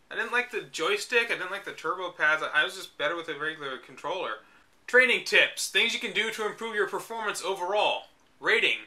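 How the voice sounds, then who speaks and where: In a sharp, high-pitched voice, a young man works through an old video game guide, reading sections aloud and then ridiculing them with dry, sarcastic remarks.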